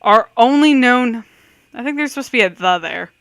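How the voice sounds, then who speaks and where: Bright, clear-voiced woman doing casual quiz commentary. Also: a little high, lively intonation, moderate pace, no echo. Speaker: host of a let's-play quiz video. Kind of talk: casual quiz game commentary, reading questions aloud and reacting.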